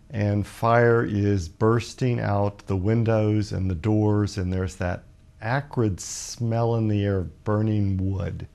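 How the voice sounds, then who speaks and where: A man in his fifties from Alabama, a guest author telling a personal story in a measured, reflective way with many pauses. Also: lowish voice, vocal fry, a little mellow. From Birmingham, Alabama, USA. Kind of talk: personal storytelling in a talk show interview.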